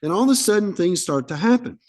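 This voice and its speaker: A pastor preaching a sermon. He speaks in a slightly high voice and keeps it conversational. He tells stories and acts out short exchanges as he goes. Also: lively intonation, quick pace, a little mellow.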